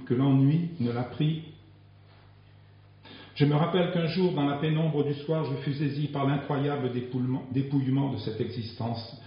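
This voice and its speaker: Male narrator, somewhat high voice, reflective and prayerful, reading a devotional memoir. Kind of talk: reading a religious memoir aloud. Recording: very echoey, dull lo-fi sound.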